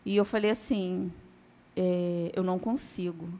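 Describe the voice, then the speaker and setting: A woman's voice: fairly low pitch, steady tone, measured pace, dark tone. A woman giving a church testimony as a sermon, telling her story dramatically and acting out the dialogue.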